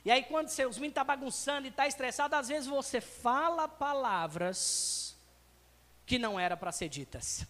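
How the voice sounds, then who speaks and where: A man's voice: very high-pitched, lively intonation, moderate pace, a bit bright. A male pastor preaching a sermon to his congregation, talking to them directly and acting out everyday scenes. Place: church sanctuary. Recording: long reverb of a church hall.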